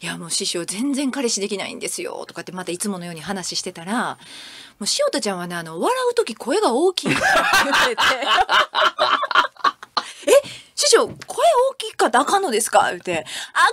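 A woman with a Kansai accent co-hosting a casual radio chat, reacting quickly and laughing often. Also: mid-range voice, big pitch swings, fairly bright tone, slight background noise. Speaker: radio co-host.

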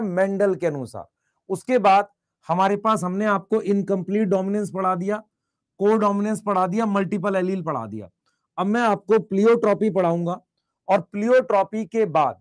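With a high, slightly hoarse voice, a man teaches biology online, asking his questions more than once and pushing students to reply fast in the chat.

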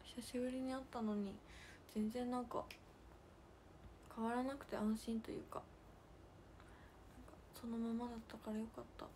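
A young woman with a hosting a casual livestream. She chats and giggles, reads out fan comments, and drops to soft near-whispers to thank viewers. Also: a little high, level tone, moderate pace, pauses often, slight background noise. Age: young adult. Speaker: idol livestream host.

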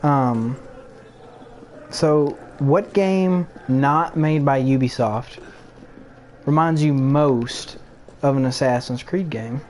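A man's voice: medium pitch, slow pace, long pauses, darkish tone. A young man in casual podcast chat about games, speaking bluntly and with strong opinions. He swears offhandedly now and then. Light background hiss runs under the voice. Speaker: podcast co-host.

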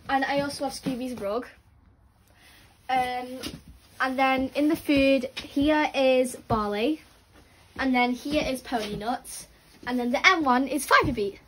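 A young woman showing her half of a horse barn on a phone video, quick and bubbly, full of fillers. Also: sits high, a bit bright, low-quality recording. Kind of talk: casual barn tour. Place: outdoor horse barn and stables. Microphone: phone camera held nearby. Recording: phone video with faint background noise.

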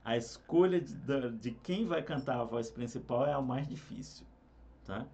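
A man, a singing teacher explaining harmony parts in a relaxed, conversational way. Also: medium pitch, normal speed, creaky. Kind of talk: explaining vocal harmony with sung examples.

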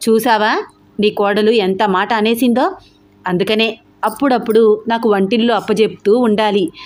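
A woman's voice: medium pitch, fairly even intonation, normal speed, darkish tone, natural voice. A quarrelsome toothless old mother-in-law, as a woman narrator puts her on, scolds and grumbles at her family. It is told as a spoken storybook. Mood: scolding.

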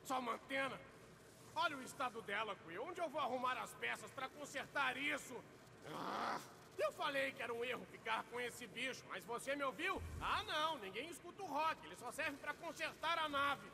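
A man's voice: very high voice, expressive, normal speed, gravelly, bright, forceful tone, big-room sound, slight background noise, full character voice. A man voicing a cranky, sarcastic raccoon mechanic with a Brazilian accent in a game dub. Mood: indignant, griping. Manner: griping, sarcastic.

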